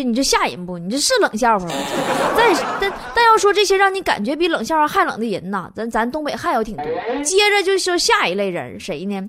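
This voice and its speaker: Her voice sits high over a noisy background: a Northeast China native hosting a comedy show in Northeastern-accented Mandarin. The monologue is playful storytelling, and she laughs frequently.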